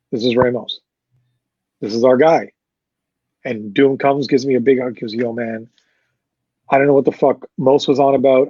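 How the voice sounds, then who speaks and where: A man's voice: medium pitch, husky, no room sound, dull audio. A man, a concert promoter, telling a long story in a casual interview, quoting people and swearing freely. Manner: animated anecdote-telling with profanity and quoted dialogue.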